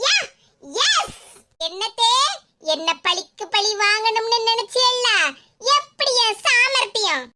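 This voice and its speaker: A voice actor playing a cunning young daughter-in-law in a cartoon, sly and teasing. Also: female voice, very high-pitched, animated, full character voice. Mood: mocking triumph. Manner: sly and teasing, drawn-out mocking words. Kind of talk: cartoon voice acting. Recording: loud background hiss.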